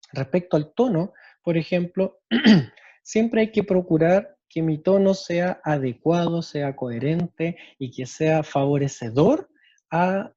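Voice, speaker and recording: This male special education teacher has a Chilean Spanish accent and a warm, somewhat high voice. He gives an explanatory lecture on storytelling, frequently checking in with tag questions. The audio is dry and lo-fi.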